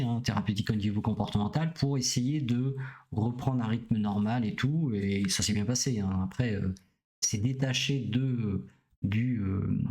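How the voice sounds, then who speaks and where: A middle-aged man, a doctor, explaining things casually to a live audience, pausing often on filler sounds and checking in with his listeners. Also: lowish voice, a little mellow. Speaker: doctor streaming to viewers.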